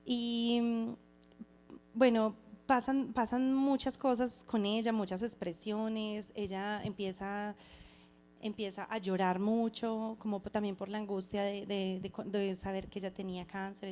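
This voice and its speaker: A woman giving a heartfelt personal faith testimony, reflective and halting, often restarting her phrases. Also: medium pitch, flat delivery, darkish tone, slight background noise. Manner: earnest and heartfelt.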